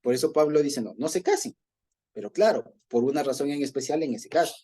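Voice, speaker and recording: Man, Ecuadorian accent, Bible study teacher, mellow warm tone, husky voice, conversational with frequent chuckles. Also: fairly high pitch, lively intonation, a little fast. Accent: Ecuadorian Spanish. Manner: conversational, chuckles often, frequent "¿ya?" check-ins.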